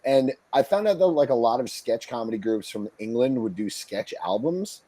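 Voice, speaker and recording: A man's voice: medium pitch, expressive, normal speed, warm tone, dry recording. A man chatting casually as a guest, with an informal, effusive, slangy way of talking. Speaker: guest performer. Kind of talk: casual chat.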